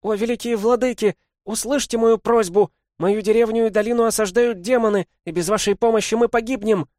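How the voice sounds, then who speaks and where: A man voicing a fierce, desperate young village girl in a storybook reading, speaking high and urgently. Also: brisk, a little mellow, no room sound, clean studio sound, close to an everyday voice. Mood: pleading shout.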